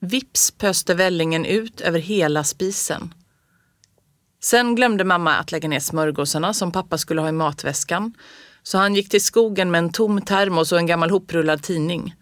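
A woman reading a children's storybook aloud in a calm, even storytelling voice. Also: on the low side, no room sound, clean studio sound.

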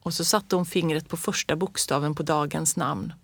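A reader narrating a children's storybook in the first person of a child, in a calm, gentle, even way. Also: medium pitch, vocal fry, slightly rough, dry recording. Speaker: audiobook reader.

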